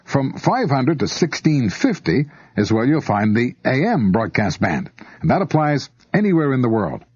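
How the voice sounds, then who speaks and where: An American man narrates an instructional audio tape, reading a script that explains things step by step and addresses the listener directly. His medium-pitched voice is very animated, darkish and slightly rough at normal speed, heard on a dull lo-fi old cassette.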